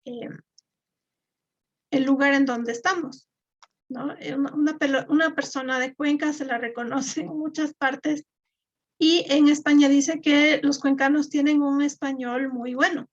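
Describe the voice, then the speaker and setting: A woman's voice: high voice, fairly even intonation, a little slow. A woman, teaching a live online class and explaining step by step with fillers and repeated words. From Ecuador. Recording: dull lo-fi.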